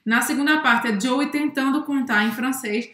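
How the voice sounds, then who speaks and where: A woman's voice: high-pitched, bright, forceful tone. Didactic woman teacher in a roomy room. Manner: clear and didactic, often drawing out French words slowly. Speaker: French teacher and co-host. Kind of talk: explanatory language lesson.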